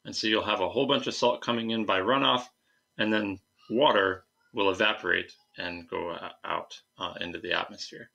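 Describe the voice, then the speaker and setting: A man's voice: lowish voice, moderate pace, vocal fry, pushed and bright, dull audio. A young man teaching an informal slide lecture, explaining things with hesitant phrasing and asides at a computer. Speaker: science teacher. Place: indoors, recorded at a computer.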